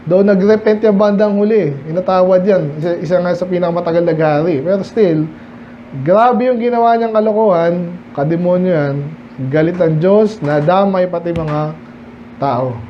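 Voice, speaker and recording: A man's voice: sits high, moderate pace, dull audio, slight background noise. A man preaching a midweek Bible study sermon, reading verses aloud and then explaining them in a chatty way with lots of rhetorical questions. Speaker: pastor. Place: church.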